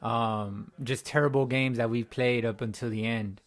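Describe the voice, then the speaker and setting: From his home, a young man hosting a fan channel delivers a frustrated post-game rant, full of repetition and rambling, with his voice cracking. He speaks at a normal speed with a medium pitch and a steady tone.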